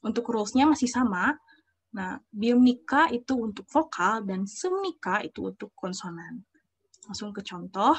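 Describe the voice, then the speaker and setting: A woman's voice: mid-range voice, expressive, normal speed, slightly rough. A young woman teaching a language class over a video call. She explains step by step, checks often whether students follow, and reads out example phrases. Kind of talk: online class lesson.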